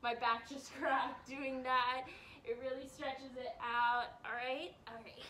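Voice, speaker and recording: A young woman teacher leading warm-ups and stretches for kids, upbeat and a bit out of breath, checking in often. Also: high-pitched, level tone, slow, recorded from a distance, slight background noise. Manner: upbeat coaching, checks in with "all right?". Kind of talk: guided exercise instruction.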